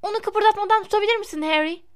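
A woman voicing an excitable young boy who gushes out eager questions in a storybook reading. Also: very high voice, very fast, voice pushed up. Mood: thrilled. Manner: breathless, gushing questions.

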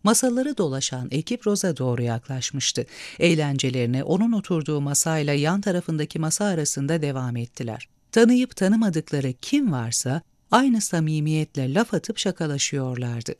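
A man narrating a story aloud with an expressive, measured reading. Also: a little high, no echo, clean studio sound.

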